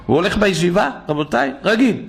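A man's voice: high voice, gravelly. An older man, a rabbi, preaching a sermon and telling stories, acting out the people he quotes. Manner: animated, acts out quoted speech. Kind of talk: sermon with storytelling.

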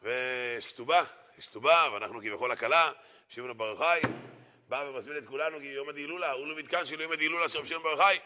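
Bright-voiced man preaching with emphatic repetition. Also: fairly high pitch. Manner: emphatic, repeats phrases for effect. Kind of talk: storytelling sermon.

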